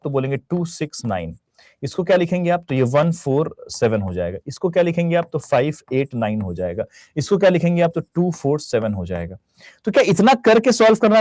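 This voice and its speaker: A young man with an Indian Hindi accent teaches exam reasoning in a lively voice that swings up and down, pitched a little high. He drops English phrases into his Hindi and talks straight to his students. The sound is dry and close, with no room echo. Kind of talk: recorded online lecture. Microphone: close studio mic.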